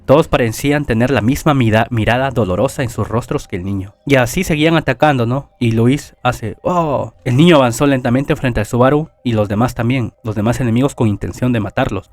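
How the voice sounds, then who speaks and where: A man's voice: medium pitch, a little fast, hardly any pauses, a little mellow. A man casually retelling a novel plot as a summary host, talking in a loose, conversational way with fillers and self-corrections. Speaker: anime story summarizer.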